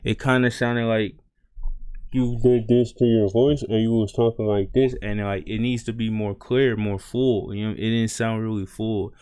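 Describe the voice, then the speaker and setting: Blunt low-voiced man giving music feedback. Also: clean tone, no room sound, studio quality. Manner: blunt, straightforward, repeats "you know what I'm saying". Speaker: music reviewer, streamer. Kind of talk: casual spoken music critique.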